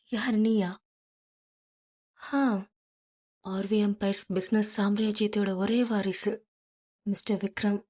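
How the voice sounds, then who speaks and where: Woman doing a proud young girl in an audiobook, sharp and fed up, breathy voice. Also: mid-range voice. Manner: indignant, sharp, wounded. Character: proud young woman, fiercely self-respecting. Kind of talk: audiobook character reading.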